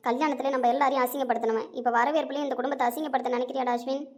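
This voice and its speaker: Actress as anxious mother of a grown son, rapid and high, pleading tone. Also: fairly even intonation, close to an everyday voice. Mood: scolding. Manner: pleading, scolding, tender. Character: worried middle-aged mother scolding her grown son. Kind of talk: web series drama acting.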